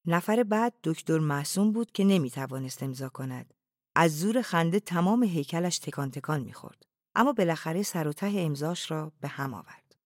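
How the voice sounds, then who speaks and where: A narrator reading a novel aloud in a calm, even, often hushed way. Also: mid-range voice, no room sound, clean studio sound.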